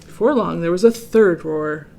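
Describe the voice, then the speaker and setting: A woman's voice: on the low side, normal speed, creaky, dark tone, a little hiss or hum. A woman reading a children's picture book aloud and chatting to kids about the story in a friendly way.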